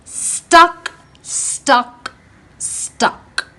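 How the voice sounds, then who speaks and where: Speaking straight to a group of young children, a woman teacher reads them a picture book in a slow, expressive storytelling style.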